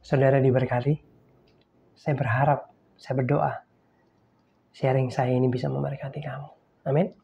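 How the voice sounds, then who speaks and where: Gravelly animated pastor, lo-fi sound. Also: male voice, mid-range voice, normal speed, long pauses. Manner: animated, acting out voices, addressing listeners as guys. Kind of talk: storytelling sermon. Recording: dull lo-fi recording.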